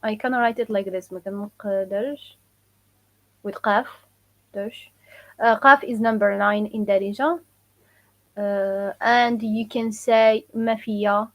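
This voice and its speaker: A woman's voice: on the high side, steady tone. Woman teaching slang on a live. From Morocco. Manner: casual, repeats phrases slowly for learners; answers viewer questions. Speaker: Moroccan Arabic teacher. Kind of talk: live-stream language lesson.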